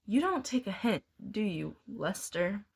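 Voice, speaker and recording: A woman reading a novel aloud, voicing a rough young male street thug in a sneering, dismissive manner. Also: mid-range voice, big pitch swings, a little slow, no room sound, studio quality, heavily acted.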